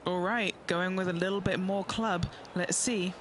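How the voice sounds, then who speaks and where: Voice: medium pitch, steady tone, normal speed, natural voice. An actor playing a golf commentator in a video game, following a player's progress. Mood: expectant. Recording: loud background noise over voice.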